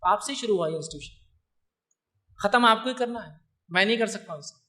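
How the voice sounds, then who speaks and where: A man lecturing an audience on a religious topic, lively, with rhetorical questions and teasing humor. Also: sits high.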